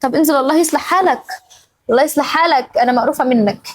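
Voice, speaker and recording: A woman's voice: high-pitched, racing, poor audio. A young Egyptian woman with an Egyptian accent, acting in a family drama, scolding over and over and growing emotional. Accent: Egyptian Arabic. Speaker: regular of the show.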